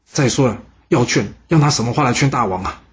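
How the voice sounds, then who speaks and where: A man's voice: medium pitch, a little fast, dull audio, close to an everyday voice. A man doing a timid worried father. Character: timid middle-aged father, anxious official.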